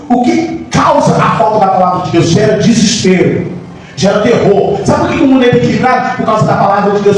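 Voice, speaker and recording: A man, a pastor, preaching a sermon with passion, moving between soft lines and shouts. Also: high voice. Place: church hall. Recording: echoey church hall, mic far off, faint noise.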